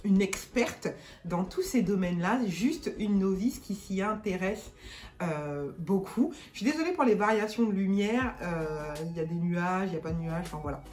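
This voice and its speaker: A woman's voice: medium pitch, animated, moderate pace, darkish tone. A woman vlogger chatting casually through an unboxing, hesitant with many fillers and restarts. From France.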